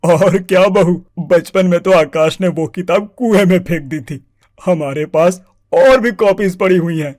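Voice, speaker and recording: A performer voicing a calm older father-in-law. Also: medium pitch, unhurried, no room sound, studio quality, natural voice.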